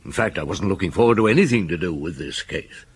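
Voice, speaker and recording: A man's voice: deep voice, lively intonation, quick pace, a little hiss or hum. An actor playing a weary middle-aged chief inspector in a radio drama, terse and dry as he asks his questions. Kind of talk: naturalistic radio drama acting.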